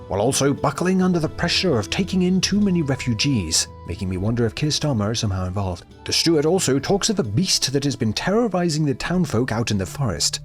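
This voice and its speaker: A man narrating a comic video game review with sarcastic, mocking delivery. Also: fairly high pitch.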